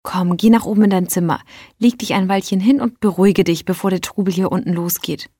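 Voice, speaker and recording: A woman voicing a brisk, practical woman who talks in a curt, matter-of-fact way. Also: medium pitch, dark tone, breathy edge, no echo, clean studio sound.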